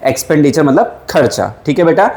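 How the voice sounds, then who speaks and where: A man's voice: a little high, lively intonation, fairly quick, a little mellow, reverberant. A man teaching a class, coaxing his students and answering his own questions again and again. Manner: calls students "beta". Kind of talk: classroom lecture.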